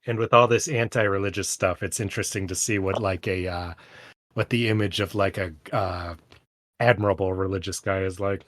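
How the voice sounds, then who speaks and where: A man's voice: low-pitched, fairly even intonation, fairly quick, fairly bright tone, dry recording. A man co-hosting a casual book-club podcast who rambles, laughs often and searches for his words on a close mic. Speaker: podcast co-host.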